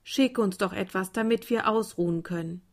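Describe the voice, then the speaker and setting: A woman voicing a caring mother daisy in a storybook, speaking gently and earnestly. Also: mid-range voice, normal speed, natural voice. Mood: pleading.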